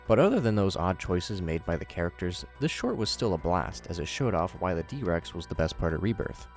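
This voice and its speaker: A low-voiced man moves briskly through a scripted recap, adding his own commentary and wry, jokey asides, his pitch swinging widely. Music is clearly audible behind him.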